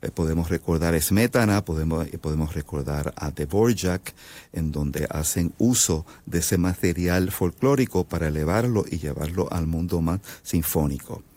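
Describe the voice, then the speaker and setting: Very low-voiced Puerto Rican man, composer guest, thoughtful, halting explainer. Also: dark tone. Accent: Puerto Rican Spanish. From Puerto Rico. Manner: thoughtful, many fillers and restarts. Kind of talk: radio interview, explaining.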